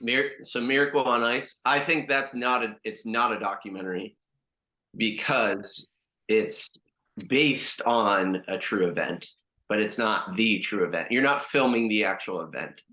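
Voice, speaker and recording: A man's voice: lowish voice, measured pace, bright, forceful tone, poor audio. A young man chatting casually on a podcast with his brothers, rambling with hesitant restarts. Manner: rambling, hesitant, laughs along. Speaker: podcast co-host. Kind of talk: casual chat among brothers.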